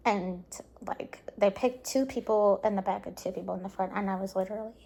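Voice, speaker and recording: A woman's voice: mid-range voice, steady tone, fairly quick, gravelly. A woman recapping a concert in a casual vlog to camera at home, gushing and full of "like" and "um" fillers, sometimes dropping to a near-whisper, and tired. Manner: soft, drops into quiet near-whispers at times. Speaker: vlogger.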